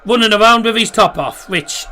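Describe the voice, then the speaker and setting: A man hosting a casual live football watchalong, pronouncing his R's like W's, chatty and halting as he corrects himself. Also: sits high, expressive, bright, forceful tone. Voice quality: can't pronounce R's, says them as W. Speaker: football watchalong streamer and host. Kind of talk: casual live match commentary and chat.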